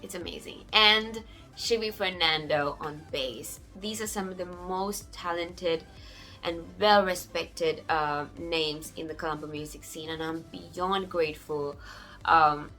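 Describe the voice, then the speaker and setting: A young woman from Sri Lanka talks casually to camera about her music, sounding warm and grateful. Her voice is bright and sits a little low for a woman. Soft music plays faintly underneath. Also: steady tone, measured pace. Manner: warm, grateful, often laughing softly. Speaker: singer-songwriter.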